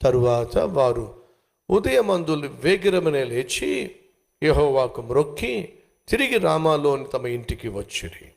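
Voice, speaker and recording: A man's voice: medium pitch, gravelly. A male pastor preaching a sermon, with emphatic repetition and direct questions to the listeners.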